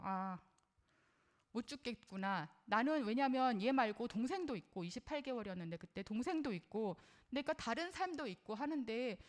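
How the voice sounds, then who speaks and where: Middle-aged woman, parenting lecturer, earnest and conversational, asks her audience questions. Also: on the high side. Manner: personal, shares her own experience as a mother.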